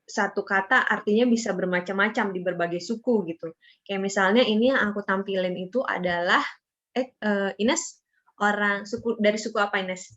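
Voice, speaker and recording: A young woman gives a student presentation in a relaxed, conversational way. She fills her speech with hesitations and little tag words. Her voice sits at a middling pitch, and the recording sounds a bit dull and lo-fi. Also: normal speed. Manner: chatty, with many fillers and tag words. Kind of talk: casual explanatory presentation.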